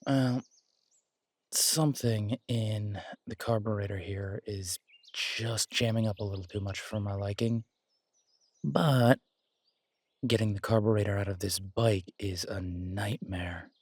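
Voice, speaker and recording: In an intimate roleplay audio drama, a man with a lowish voice and steady tone portrays a relaxed, loving werewolf boyfriend with a bike-tinkering hobby. He talks casually and haltingly, with no echo in the recording.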